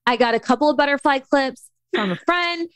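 A young adult woman telling a story in a casual, animated chat, with lots of restarts. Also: high-pitched, fairly quick. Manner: animated, chatty, many restarts.

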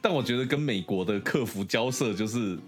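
A man's voice: lowish voice, fairly quick. A young man from Taiwan co-hosting a podcast, chatting casually and laughing often. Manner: laughs often, lively storytelling. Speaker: podcast co-host. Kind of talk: casual chat. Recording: faint guitar music behind.

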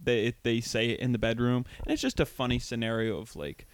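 A man's voice: mid-range voice, fairly even intonation, a little fast, clean tone, no echo. A young man with a light Southern American accent on some words, co-hosting a casual comedy chat and telling stories loosely with many fillers. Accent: light Southern American on certain words. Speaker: comedian podcast co-host.

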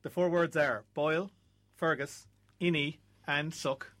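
A man's voice: a little high, fairly even intonation, measured pace, a bit bright. A man with an Irish accent presenting a quiz in a casual way as its host.

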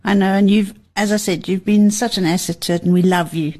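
A woman's voice: medium pitch, fairly even intonation, a little fast, a little mellow. A middle-aged woman hosting an interview show, chatting playfully and laughing often. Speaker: podcast host.

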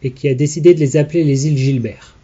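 A man's voice: mid-range voice, fairly even intonation, fast talker, dark tone, breathy edge, lo-fi sound. A man hosting a podcast, explaining things in casual chat and teasing his co-host.

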